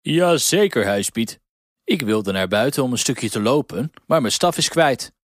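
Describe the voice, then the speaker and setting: A man voicing a kindly, dignified old saint who talks slowly and steadily in a storybook. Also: medium pitch, lively intonation, no echo, studio quality, lightly acted. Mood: concerned.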